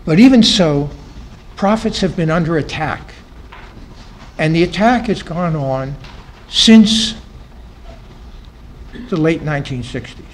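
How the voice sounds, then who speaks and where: A man's voice: fairly high pitch, animated, takes it slowly, long pauses, slight background noise, low-quality recording. Man lecturing, voice fading at phrase ends. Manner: voice drops and trails off at the ends of phrases; emphatic repetition of key phrases. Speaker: conference panel speaker. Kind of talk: academic talk to a live audience. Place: conference room.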